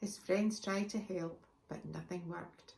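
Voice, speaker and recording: A woman, the author, reading her picture book aloud to children, expressive and chatty with asides to her listeners. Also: fairly low pitch, unhurried, gravelly, a little hiss or hum. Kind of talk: children's storybook read-aloud.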